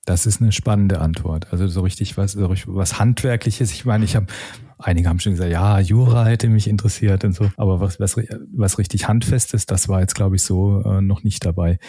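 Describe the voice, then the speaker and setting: A man's voice: low voice, fairly even intonation, fairly quick, warm tone, husky, no room sound, clean studio sound. A man from southern Germany hosting a podcast, chatting in a conversational, agreeable way and posing playful questions. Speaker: podcast host. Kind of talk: podcast interview.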